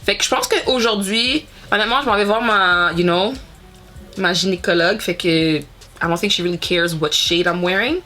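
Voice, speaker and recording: A woman's voice: lowish voice, moderate pace, bright, forceful tone, soft background music. A woman in her thirties from Montreal with a Quebec French accent, chatting casually as a beauty vlogger and slipping between French and English with lots of fillers. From Montreal, Canada. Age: 30s. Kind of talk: casual get-ready-with-me chat.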